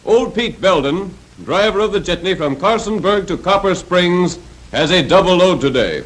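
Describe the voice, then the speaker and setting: A man's voice: high-pitched, lively intonation, moderate pace, fairly bright tone, a little hiss or hum, poor audio. A man playing a theatrical 1940s male radio drama announcer. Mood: dramatic.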